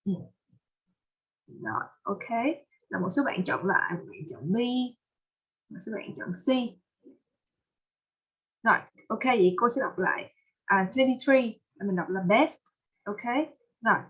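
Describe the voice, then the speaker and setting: A woman teaching English pronunciation with a Vietnamese accent, patiently drilling words and repeating them slowly. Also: mid-range voice, a bit bright, breathy edge, dull audio. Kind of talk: online pronunciation lesson.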